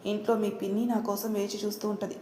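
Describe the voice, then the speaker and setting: Give me a fond old ice cream vendor man, read by a woman, warm and fatherly, in an echoey room. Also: medium pitch, little pitch movement, fast, a little hiss or hum, close to an everyday voice. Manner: affectionate, fatherly. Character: elderly male ice cream cart vendor, fond and kindly.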